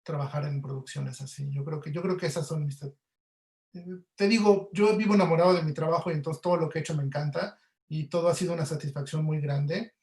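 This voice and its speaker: The echoey, roomy recording captures a fast, gravelly, slightly high male voice with a darkish tone and steady delivery. He has a Mexican accent and answers casually as an audio producer in an online webinar interview.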